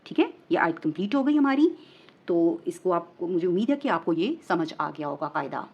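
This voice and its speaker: A woman teacher explaining the stop marks of Quran recitation step by step, often checking that her listeners follow and reciting verses slowly. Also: lowish voice, very animated, a little mellow, slightly rough. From Pakistan. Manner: patient explaining, asks "ٹھیک ہے؟" often. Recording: muffled lo-fi recording.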